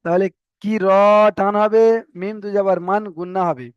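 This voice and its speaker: High-voiced man teaching Quran reading. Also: fairly even intonation, a little mellow, clean tone, no room sound, lo-fi sound. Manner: spells letters and vowel marks aloud, then draws out the chanted word slowly. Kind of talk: spelled-out recitation lesson.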